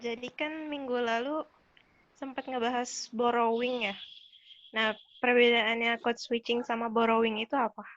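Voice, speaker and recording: Young female student, direct question; high-ish and flat, lo-fi sound. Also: normal speed. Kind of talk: casual class discussion.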